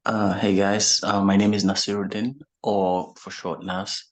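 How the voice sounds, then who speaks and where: A man's voice: on the low side, level tone, unhurried. A man from Nigeria introducing himself at an online meeting in a casual, joking way. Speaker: meeting participant.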